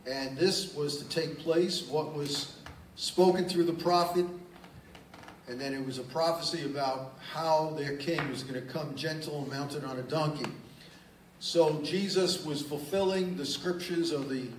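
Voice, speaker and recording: A man's voice: fairly high pitch, measured pace, a little hiss or hum. A man preaching a sermon as pastor, reading scripture aloud and then explaining it in plain, emphatic asides. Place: church sanctuary. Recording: roomy church sound, distant mic, faint ambience.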